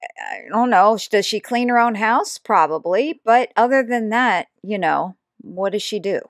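A woman's voice: mid-range voice, animated, moderate pace, no room sound. Woman commentator, sarcastic reaction host, dry close sound. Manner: sarcastic, mocking asides. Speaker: YouTube commentator.

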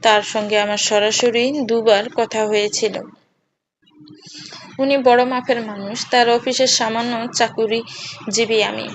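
Higher-voiced woman narrating an audio story. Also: little pitch movement, a little slow. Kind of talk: scripted first-person story narration. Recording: slightly dull with faint hiss.

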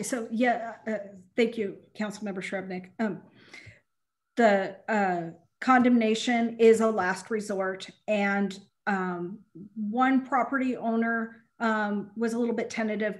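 A woman on city staff answering council questions over a video call, halting and apologetic, with many "um"s. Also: mid-range voice.

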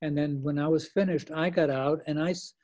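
Halting man in his eighties, mellow. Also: fairly high pitch, fairly even intonation, a little hiss or hum. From Netherlands. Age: 80s. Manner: halting, many restarts and fillers. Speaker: Holocaust survivor speaker. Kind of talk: remote lecture remarks.

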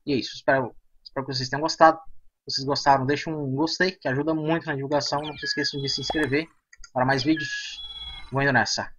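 A man hosting a gaming channel, chatting excitedly to himself and his viewers over gameplay. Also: medium pitch, fast, highs cut off, noisy background. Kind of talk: casual gameplay commentary.

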